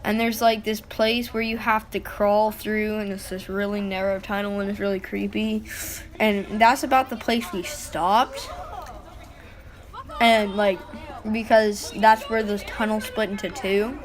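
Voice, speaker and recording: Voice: medium pitch, steady tone, measured pace. A female-sounding voice giving informal, rambling vlog commentary over exploration footage, with mild swearing. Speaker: vlog narrator.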